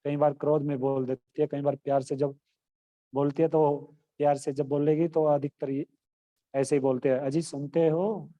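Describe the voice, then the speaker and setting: A man's voice: on the high side, flat delivery, moderate pace, dark tone, lo-fi sound. A man teaching a Hindi grammar lesson online, explaining terms and acting out example exclamations with feeling.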